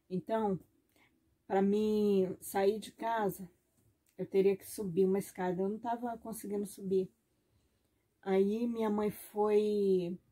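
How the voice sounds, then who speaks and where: Woman vlogging from her bedroom, warm low-key tone, keeps repeating herself as she tells it. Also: breathy edge. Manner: rambling, repetitive, emotional retelling. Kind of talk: personal testimony to camera. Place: bedroom at home.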